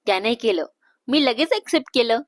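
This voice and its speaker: A woman doing a shy, hushed elder sister. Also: fairly high pitch, lively intonation, fairly quick, dry recording, studio quality. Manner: hushed, bashful, cautious.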